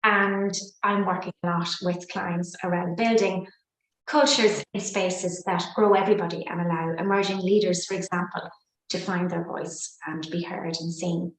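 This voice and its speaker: Recorded roughly in a roomy space, a fiftysomething Irish psychotherapist and coach reflects in an interview. She talks at a moderate pace in a steady, lowish voice, fluent and expressive, and drops in folksy sayings.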